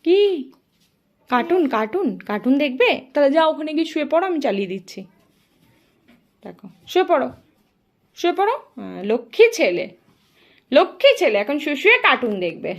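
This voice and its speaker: Lively sing-song Bengali mother vlogging. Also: high-pitched, moderate pace, long pauses. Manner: coaxing, sing-song talk to a toddler, swinging from lively to hushed asides. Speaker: vlogger filming her young son. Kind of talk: casual family vlog narration and talk to a child.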